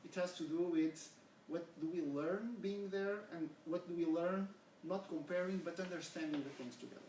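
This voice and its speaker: Faint hiss and heavy room echo mark this far-off recording of a middle-aged Portuguese education researcher. He speaks English with a Portuguese accent in a fairly high, darkish voice at a moderate pace. His academic seminar talk is earnest, and he directs questions at the audience.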